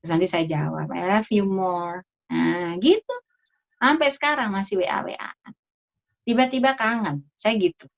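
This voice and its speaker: A woman's voice: medium pitch, moderate pace, gravelly. Chatty middle-aged woman doctor, lo-fi. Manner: chatty, laughing, lively asides. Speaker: doctor giving premarital health education. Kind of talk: casual educational talk to an audience. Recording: dull lo-fi sound.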